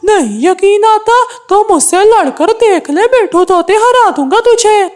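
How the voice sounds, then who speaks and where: A woman's voice: very high voice, expressive, a little slow, a little mellow. A woman voicing a boastful, hot-tempered aging male crow in a cartoon, insisting he is still young. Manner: boastful, defensive. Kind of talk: cartoon voice acting.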